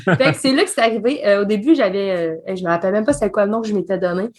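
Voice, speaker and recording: A young woman with a Québécois French accent, telling her story as a guest in a casual interview, animated and laughing often. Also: mid-range voice. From Quebec. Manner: animated, laughing often, quick colloquial talk. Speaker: guest, escape game designer.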